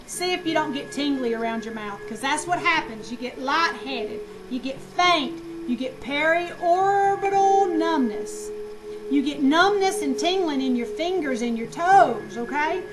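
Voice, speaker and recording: A woman teaching nursing students in a lively, slangy lecture, asking questions and answering them herself. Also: sits high, low-quality recording. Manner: animated, slangy, asks and answers own questions.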